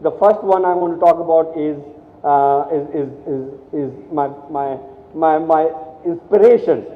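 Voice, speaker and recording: A man's voice: on the high side, a little slow. A man from India giving a motivational speech to students, telling stories animatedly with many restarts and repeated words. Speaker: guest speaker at a college. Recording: echoey hall, thin phone-like sound.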